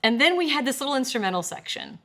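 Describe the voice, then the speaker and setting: Bright-voiced woman telling animated stories. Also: high-pitched, fast talker. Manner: animated storyteller, sings snippets and laughs often. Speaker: singer-songwriter guest. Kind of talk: casual roundtable chat.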